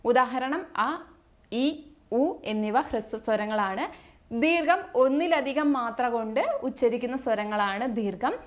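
Patient woman teaching grammar. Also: on the high side. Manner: patient, repeats each definition slowly. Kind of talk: exam-prep grammar lesson.

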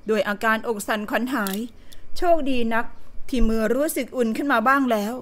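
A woman reading an audio novel as narrator, in steady storytelling delivery. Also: on the high side, brisk. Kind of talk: scripted narration.

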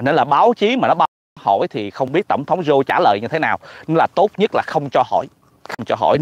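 A Southern Vietnamese man comments on politics in a high, lively voice that swoops up and down, often mocking and exclaiming. The sound is close and dry, with no room echo. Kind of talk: casual political commentary vlog.

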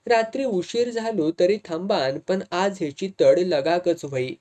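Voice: mid-range voice, unhurried, warm tone, natural voice. A reader voicing a hot-tempered young village man with a Malvani accent, pressing insistently in an audiobook. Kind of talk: audiobook dialogue reading.

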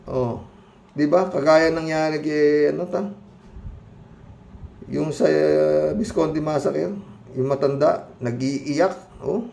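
Gravelly-voiced middle-aged man, emphatic. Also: a little high, takes it slowly, long pauses. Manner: emphatic, heated rhetorical questions, frequent "oh" interjections; quieter and more subdued when reading comments and signing off. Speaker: commentary vlogger reading viewer comments. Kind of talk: casual spoken commentary to viewers.

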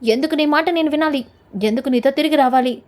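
Woman narrator doing a wounded, accusing mother, high mellow voice. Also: fast talker, lightly acted. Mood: bitter. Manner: bitter, questioning. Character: hurt, accusing middle-aged mother.

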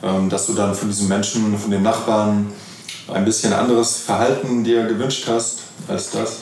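A man hosting a podcast, reading a welcome and asking the guest questions in a smooth, welcoming way. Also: on the low side, level tone, normal speed, a little mellow, slight background noise. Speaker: podcast host. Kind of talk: scripted podcast intro.

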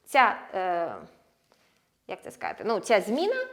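A woman teaching a language lesson, explaining patiently step by step and slowing down on example words. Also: medium pitch, huge pitch swings. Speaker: Spanish teacher.

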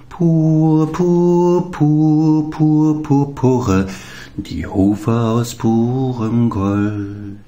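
A man reading a storybook, singing a slow ballad as a choir of bumblebees. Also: medium pitch, a little mellow. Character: choir of ten humming bumblebees. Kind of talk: sung ballad.

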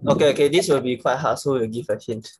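A woman's voice: rumbling low, quick pace, darkish tone, slightly rough. A woman helps host a game. She speaks casually over an online video call. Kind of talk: casual chat co-hosting a game.

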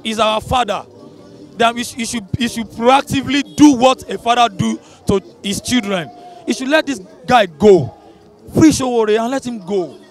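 Young Nigerian man, very high voice, earnest and halting, street vox pop. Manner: pleading, stumbles and repeats words. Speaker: passer-by in street interview. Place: busy city street outdoors. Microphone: handheld mic held by interviewer.

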